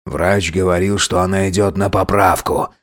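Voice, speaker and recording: A man voicing a domineering older father in an audiobook, slow, cold and contemptuous. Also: low-pitched, little pitch movement, close to an everyday voice. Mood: scornful. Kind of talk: audiobook character voice.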